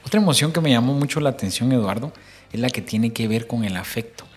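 Middle-aged male host, mid-pitched, talks faith to the listener over soft music, acts out quotes. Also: lively intonation, fast talker. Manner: preachy, addresses listener directly, acts out little quotes.

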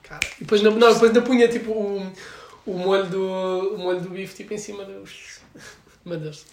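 A man's voice: high voice, steady tone, normal speed, vocal fry, reverberant. A young man with a European Portuguese accent chatting casually in a rambling, slangy way full of filler words. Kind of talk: casual chat.

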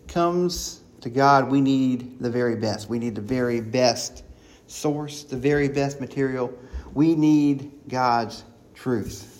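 A man preaching a sermon, excited and quick, with frequent restarts and repeated words. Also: mid-range voice. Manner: excited, talking fast with many restarts.

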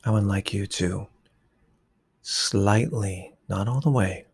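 Slow, hushed, breathy man guiding meditation. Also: on the low side. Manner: slow, soft, often whispered instructions. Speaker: meditation guide. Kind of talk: guided meditation.

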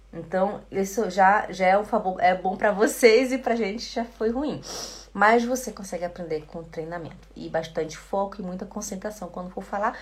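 Speaking at a medium pitch with the accent of Belém, the Brazilian city in Pará where she's from, a woman leads a German lesson over live stream. She greets viewers by name while slowly drilling vocabulary with her learners.

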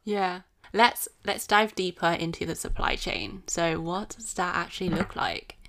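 A woman's voice: on the low side, steady tone, unhurried, fairly bright tone. A woman hosting a podcast, chatting casually and affirming her guest with enthusiasm. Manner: enthusiastic, affirming, laughs often. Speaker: podcast host. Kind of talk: casual interview chat.

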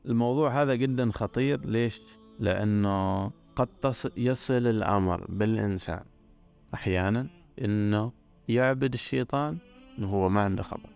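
Gravelly low-voiced man. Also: normal speed, a little mellow, faint music behind. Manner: earnest, repetitive emphasis. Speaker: religious talk speaker. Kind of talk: religious talk.

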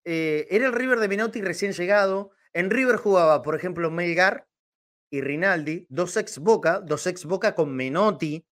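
An Argentine man giving animated, emphatic football talk as a pundit, repeating words to drive his points home. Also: high-pitched, normal speed. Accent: Argentine Spanish.

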